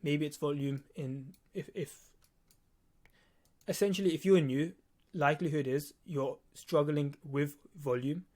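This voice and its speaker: An unhurried, fairly high, slightly mellow male voice belongs to a nineteen-year-old with a lisp. As a video editor teaching on his own channel, he's blunt and casual with viewers, swearing and driving points home by repeating them.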